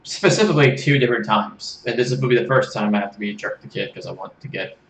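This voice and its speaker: Laid-back low-voiced male streamer. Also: fast, vocal fry, distant mic, slight background noise. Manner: chatty, joking, self-deprecating. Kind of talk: casual game commentary. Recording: roomy room, faint game music.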